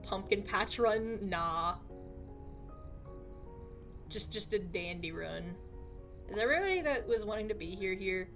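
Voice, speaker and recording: A woman's voice: mid-range voice, expressive, unhurried, pauses often, fairly bright tone, faint music behind. A woman chatting casually on a game livestream in a hyped, slangy gamer manner, exclaiming and giggly. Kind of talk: casual, excitable gaming livestream chat.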